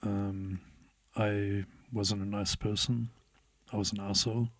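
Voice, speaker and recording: A man's voice: on the low side, level tone, unhurried, no room sound. A man, telling a story as an interview guest in a laid-back way, swearing often and laughing as he goes. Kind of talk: casual storytelling.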